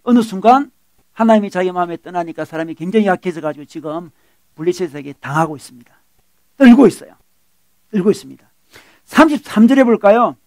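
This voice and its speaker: A middle-aged male pastor preaching a sermon in Korean, animated, acting out quoted lines and checking in with the congregation. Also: sits high, fairly quick, long pauses, dry recording.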